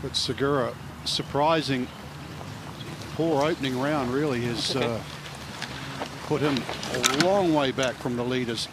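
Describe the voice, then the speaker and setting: A man's voice: medium pitch, unhurried, long pauses, background noise. A man commentating live on golf as an analyst.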